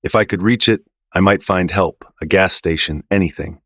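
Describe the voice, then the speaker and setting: Deep-voiced man narrating a horror story. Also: normal speed, fairly bright tone, no room sound, studio quality. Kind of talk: scripted first-person narration.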